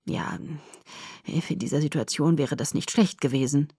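A woman reading the part of a gentle, grey-haired male town doctor, in a subdued, lowered voice. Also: fairly quick, slightly rough, dry recording, studio quality. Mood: calm.

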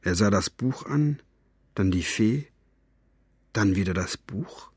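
Husky male audiobook narrator. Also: fairly low pitch, lively intonation, takes it slowly, darkish tone, dry recording. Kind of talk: expressive audiobook reading.

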